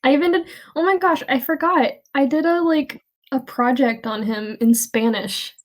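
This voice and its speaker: A woman's voice: high voice, moderate pace. Giggly young woman, casual banter. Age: young adult. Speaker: student club officer, guest. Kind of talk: casual chat.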